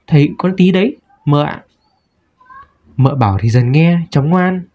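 A man reading a short story aloud in a calm storytelling manner. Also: mid-range voice. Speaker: story reader. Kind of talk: audiobook narration. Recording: dull lo-fi recording.

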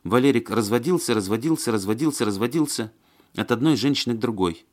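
A man's voice: medium pitch, expressive, quick pace, darkish tone, voice pushed up, close to an everyday voice. A man reading an audiobook and voicing a fussy, flustered woman who chatters and complains in a plaintive, agitated way. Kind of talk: audiobook character voice.

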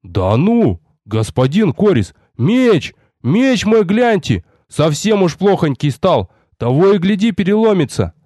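A man's voice: high voice, big pitch swings, a little slow, hardly any pauses, warm tone, no echo, clean studio sound, pitched above the performer's own voice, exaggerated voice. A man voicing a young male sentry who wails and begs from a wall. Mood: pleading. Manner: whining, wailing calls.

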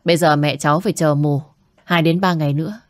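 A woman plays a busy older doctor who brushes people off. The voice is low and brusque, with impatient clipped replies. Dry, close recording. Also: steady tone, fast, dry recording, natural voice. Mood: curt. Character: curt, dismissive older hospital doctor.

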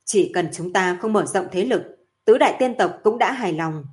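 A man's voice: high-pitched, expressive, normal speed. A woman voicing a grim male sect elder who speaks in a heavy, solemn way.

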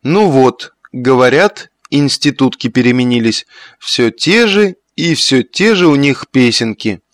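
A man's voice: medium pitch, expressive, a little slow, dry recording, clean studio sound, lightly acted. A man reading a jovial, teasing old father.

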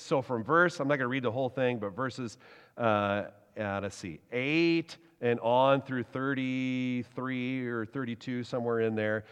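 Man preaching in a reverberant hall. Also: mid-range voice. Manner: lively storytelling, animated with laughs and acted quotes. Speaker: pastor. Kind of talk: sermon.

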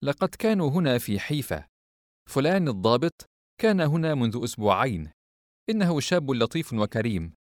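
A man's voice: mid-range voice, very animated, a little mellow, no room sound, clean studio sound, lightly acted. A man voicing a bold, mercenary young woman of the night who talks in a brash, teasing way in an audiobook reading. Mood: chatty. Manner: brash, teasing, quick-tongued.

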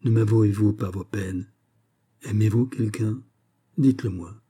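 A man's voice: fairly low pitch, measured pace, dark tone, breathy edge. A man voicing an earnest young nobleman in love in an audiobook, speaking firmly and respectfully. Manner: firm, respectful, grave. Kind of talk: audiobook character reading.

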